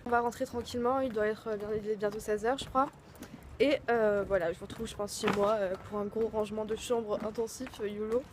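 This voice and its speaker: A woman's voice: mid-range voice, steady tone, a little fast, noisy background. A young woman vlogging casually into her phone, chatty and rambling with lots of fillers. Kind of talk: casual vlog chat. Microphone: phone camera.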